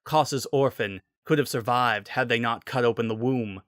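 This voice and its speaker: A man's voice: medium pitch, moderate pace, a bit bright, no room sound, studio quality. A man reading a scripted story as its narrator, in a dramatic style.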